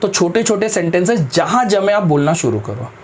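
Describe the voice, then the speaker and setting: A man's voice: high-pitched, very animated, normal speed, crowd noise. Firm, practical man in an interview. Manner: firm, practical, mixes English into Hindi; addresses interviewer respectfully as sir. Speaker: guest speaker on careers. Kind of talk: explanatory interview talk.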